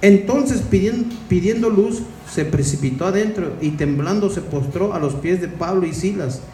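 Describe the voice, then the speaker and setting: A man's voice: sits high, moderate pace, warm tone, far from the mic. A man preaching an informal Bible-study sermon, chatting with the listeners and often asking them questions. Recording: roomy echo with faint background noise.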